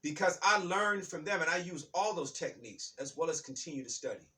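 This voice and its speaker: A man's voice: a little high, animated, a little fast, bright, forceful tone. A man hosting his own spiritual self-help channel. He talks in a rambling, repetitive way and often restarts his phrases. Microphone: self-recorded on his own device. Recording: voice distant from the microphone.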